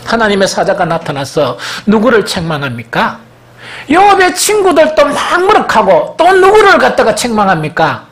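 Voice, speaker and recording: A man preaching in a Gyeongsang accent, his pitch swinging widely from phrase to phrase. He keeps throwing questions out to his listeners and then answering them himself. It is the delivery of a pastor in full sermon mode. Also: a little hiss or hum. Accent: Gyeongsang Korean. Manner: animated preaching with frequent rhetorical questions to the congregation.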